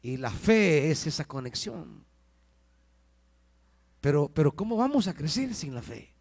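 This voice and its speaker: A Salvadoran man preaching a sermon at a church service, swinging between shouts and hushed lines. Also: on the high side, big pitch swings, measured pace. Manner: impassioned preaching, sudden shouts and drops to near-whispers. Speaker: pastor.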